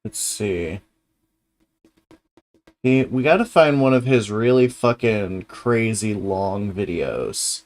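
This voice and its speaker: A man hosts in a loose, casual way, thinking out loud. He talks slowly, in a hesitant mutter, and swears freely. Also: on the low side, expressive. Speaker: livestream host reacting to videos. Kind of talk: casual chat, thinking aloud.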